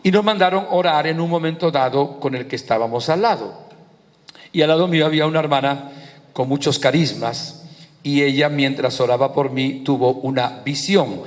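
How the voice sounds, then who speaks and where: A man with a Venezuelan accent, a priest giving a sermon, telling stories with lively emphasis and building up on repeated phrases. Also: on the high side, normal speed, big-room sound. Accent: Venezuelan Spanish. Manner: lively storytelling preacher, rising on repeated phrases.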